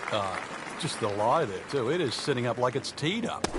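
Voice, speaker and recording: A man's voice: medium pitch, big pitch swings, normal speed. A man giving conversational golf commentary as an analyst, chatty and informal in his delivery. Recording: outdoor crowd noise throughout. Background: loud crowd and outdoor ambience.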